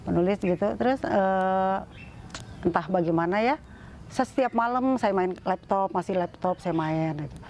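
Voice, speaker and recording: A middle-aged woman tells her own story in a relaxed, chatty interview. She talks with many fillers and restarts and slips into the voices of the people she quotes. Faint background noise and birdsong sit behind her voice. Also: medium pitch, a little slow. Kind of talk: casual personal storytelling.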